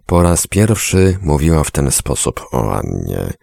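Male audiobook narrator, measured, somber, very low voice, lively pitch, dry close sound. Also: gravelly, dry recording.

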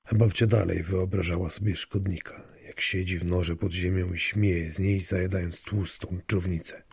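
A man's voice: low voice, fairly even intonation, moderate pace, gravelly, husky, no echo. A man narrating a story in a wry, dry storytelling manner. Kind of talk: audiobook narration.

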